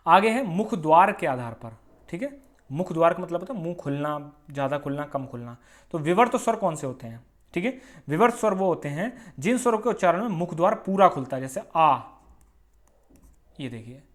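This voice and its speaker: A man teaching an exam-prep grammar lesson, explaining slowly, repeating points and sounding out vowels aloud as examples. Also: fairly high pitch, big pitch swings.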